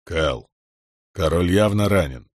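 A man's voice: low-pitched, expressive, takes it slowly, dry recording, studio quality, exaggerated voice. A man voicing a persuasive male soldier who speaks in an insistent, coaxing way.

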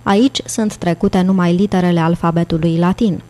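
A man's voice: sits high, fairly even intonation, a little mellow, natural voice. A woman reading the lines of an eager, exclaiming elderly British male scholar in an audiobook. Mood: insistent.

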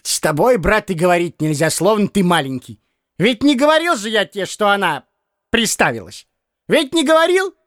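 A man's voice: sits high, sing-song, moderate pace, fairly bright tone, dry recording, studio quality, pitched above the performer's own voice. A man reading an audiobook and voicing a fussy, blundering old man who stammers and corrects himself. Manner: stammering, self-correcting, cackling.

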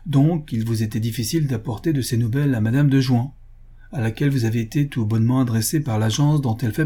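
A man's voice: medium pitch, dark tone, breathy edge, natural voice. A man reading the part of a young, proud noble heiress who speaks in a cold, decisive, commanding manner.

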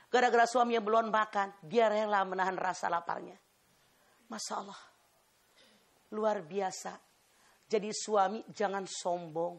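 A woman preacher telling a story in a sermon, emphatic and building her points by repetition. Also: mid-range voice.

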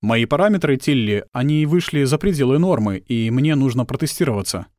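A man voicing a polite, confused male household robot who speaks in a slow, measured, formal way. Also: mid-range voice, expressive, a little mellow, no echo, studio quality, lightly acted.

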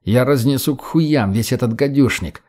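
A gruff older fighter, voiced by a male narrator, curt and coarse, with a weary edge to every word. He speaks slowly, and the tone is dark and mellow, like an audiobook character read by one man. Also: mid-range voice, close to an everyday voice.

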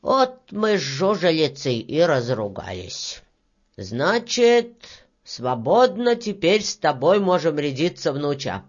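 Woman voicing a slow grey old peasant. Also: low voice, sing-song, voice pushed down, heavily acted. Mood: kindly. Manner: slow, reproachful, kindly. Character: grey-haired old peasant man, calm and wise. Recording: dull lo-fi recording.

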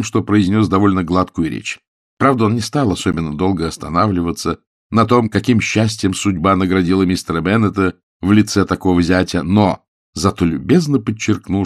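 A male audiobook narrator reads with expressive, animated storytelling. His voice sits low but moves over a wide pitch range. The recording is dry and close. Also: dry recording. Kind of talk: scripted narration.

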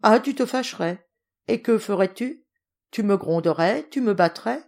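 A woman's voice: expressive, normal speed, creaky, darkish tone. A woman reading aloud, voicing an old, irascible but tender-hearted Russian general who turns thunderous when angry. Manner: emphatic, booming when angry.

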